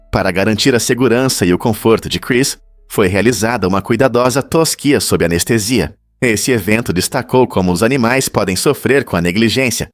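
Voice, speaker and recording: Lowish man narrating facts, dry. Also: dry recording. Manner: even, explanatory, asks the listener rhetorical questions. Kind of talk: scripted fact-list narration. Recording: dry voice-over with faint music behind.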